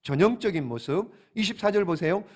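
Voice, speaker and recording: Guy pastor w a high voice preaching in church, keeps asking the crowd questions. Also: lively intonation, a little fast, darkish tone, husky. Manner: asks the congregation frequent rhetorical questions; emphatic repetition of key phrases. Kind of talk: sermon at a Friday prayer service. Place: church sanctuary.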